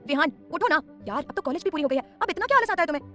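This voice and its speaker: A woman's voice: high voice, racing, faint music behind, natural voice. Woman playing a chirpy 21-year-old girl. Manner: sweet and chirpy.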